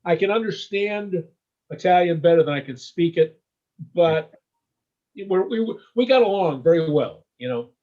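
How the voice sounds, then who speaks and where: This casual interview features an American man who rambles with warmth and keeps tacking on "okay?" and "you know?". His voice sits high and animated at a normal speed, captured with lo-fi sound.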